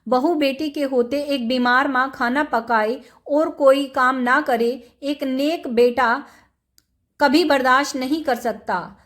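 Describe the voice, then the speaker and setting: A woman's voice: high voice, fairly even intonation, slow pace, fairly bright tone. A woman voicing a stern elderly mother. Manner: admonishing, firm.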